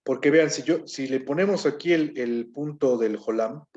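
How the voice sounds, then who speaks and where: A man's voice: mid-range voice, normal speed, a little mellow. Patient teacher man, dull recording. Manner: explanatory, checks in with repeated "¿sí?". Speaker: Hebrew teacher. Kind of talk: classroom grammar lesson.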